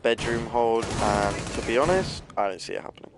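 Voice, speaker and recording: A man's voice: mid-range voice, lively intonation, moderate pace, background noise. A man giving casual, analytical live commentary on a competitive shooter match. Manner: casual, analytical, filler-heavy. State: has the hiccups. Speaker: esports caster.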